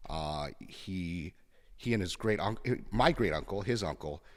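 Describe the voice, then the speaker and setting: A man's voice: sits low, expressive, measured pace, big-room sound. A man in his fifties, from Kenya, telling his story as a podcast guest in a frank, blunt way with frequent fillers. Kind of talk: conversational interview.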